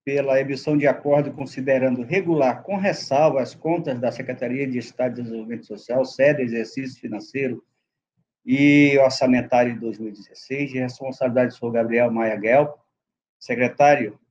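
Man reading a case report haltingly. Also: medium pitch, a little mellow, lo-fi sound. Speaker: rapporteur councilor. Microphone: video call.

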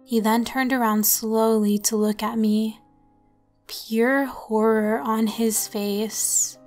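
Slow, soft-spoken female horror narrator. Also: fairly high pitch, soft background music. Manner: soft, calm and unhurried delivery. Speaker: first-person narrator.

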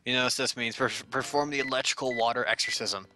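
Man, casual gamer banter, medium pitch, sharp bright tone, music behind. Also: fast talker. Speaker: gamer playing as the dad. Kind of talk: casual gaming chat.

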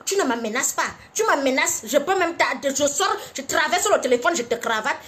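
A high-pitched woman hosts a comic advice monologue on a live stream. She talks in a theatrical, mock-solemn and teasing way, straight into a phone. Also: lively intonation, brisk, sharp tone, slight background noise.

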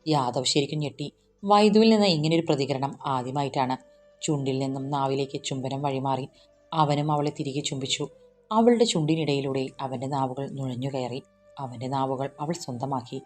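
A woman narrating a romantic audiobook story in a calm, steady way. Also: very deep voice, normal speed, soft background music.

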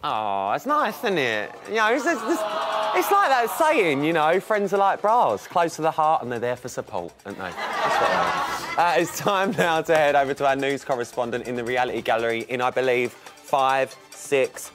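A man's voice: medium pitch, sing-song, moderate pace, over music. A man hosting a live studio show in a playful, teasing way and calling out to the audience. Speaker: studio host.

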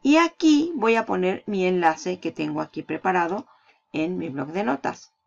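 Lady doing a screen tutorial, bit of fry in her voice, dull lo-fi sound, keys clacking. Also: fairly low pitch, animated, normal speed. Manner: walks through steps while clicking, asks and answers her own questions. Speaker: online marketing tutor.

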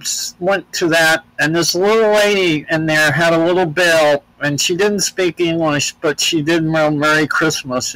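A man's voice: on the high side, a bit bright, no room sound, poor audio. An older American man talking as an interview guest, telling travel stories in a rambling, plainspoken way with frequent restarts. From United States. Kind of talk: relaxed storytelling in an interview.

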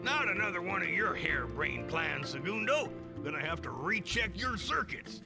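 An actor playing a fatherly, folksy middle-aged boar mechanic in a video game, speaking with gruff teasing warmth. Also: high voice, very animated, normal speed, music in the background. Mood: scoffing.

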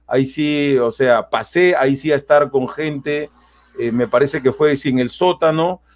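A man, telling a personal story in casual chat, animated and acting out quotes with many restarts. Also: mid-range voice, a little slow. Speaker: guest.

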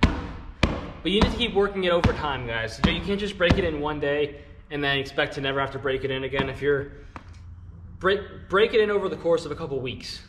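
A man's voice: on the high side, a little fast, background noise. A young man, out of breath, chatting casually to viewers while showing them how to do something. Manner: chatty, instructive, addresses viewers as guys. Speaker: glove channel host. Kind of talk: casual vlog talk to camera.

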